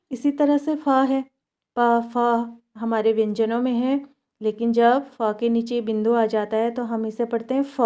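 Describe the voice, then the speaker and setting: A woman teacher talks slowly and patiently to small children, with a fairly high but warm, mellow voice. She asks simple questions and then answers them herself. She stretches each example word out clearly. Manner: drawn-out, exaggerated pronunciation of example words. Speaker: school teacher. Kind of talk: recorded primary-school Hindi lesson.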